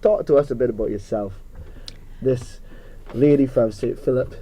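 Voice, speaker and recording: A man's voice: medium pitch, moderate pace, warm tone, slight background noise, poor audio. Upbeat man hosting radio. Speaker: radio show host. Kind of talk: radio talk show hosting.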